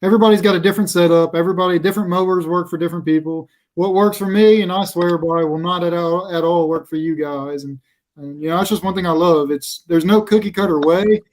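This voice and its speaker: An American man hosts a casual chat, talking quickly. His voice is pitched a little above average. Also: fairly even intonation, darkish tone, rough recording.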